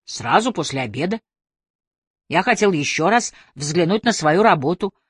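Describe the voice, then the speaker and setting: A woman's voice: fairly low pitch, lively intonation, normal speed, slightly rough, no room sound, clean studio sound. A woman voicing a frank, frustrated male painter describing his troubles, in an audiobook.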